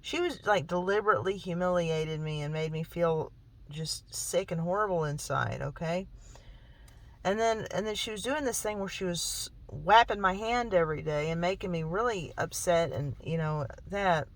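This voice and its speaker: A woman vlogger tells a personal story, sounding emotionally shaken as she recalls being hurt. She is emphatic and repetitive, constantly tacking on "okay?" and "really." Her voice is on the low side at a normal speed, and the audio quality is poor.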